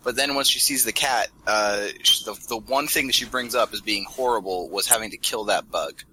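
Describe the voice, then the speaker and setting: A man with a fairly low voice muses in an easygoing, casual way. His audio carries a clear hiss with clicks underneath. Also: a little fast, sharp tone. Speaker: co-host of a game discussion stream. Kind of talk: casual chat. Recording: noisy line with clicks.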